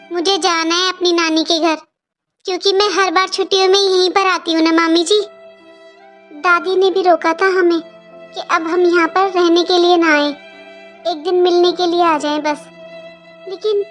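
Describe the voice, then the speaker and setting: A woman's voice: very high-pitched, fairly bright tone. A woman doing an earnest, outspoken little cartoon girl. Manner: pleading, earnest, talkative. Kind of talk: cartoon voice acting.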